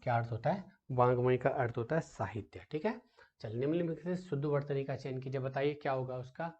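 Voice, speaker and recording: A man's voice: medium pitch, fairly quick, darkish tone, muffled recording. A male teacher runs an exam-prep lesson, quizzing students and often checking back with them with rhetorical questions. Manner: repeats "ठीक है" often and asks rhetorical questions; addresses students as "बेटा", patient explaining.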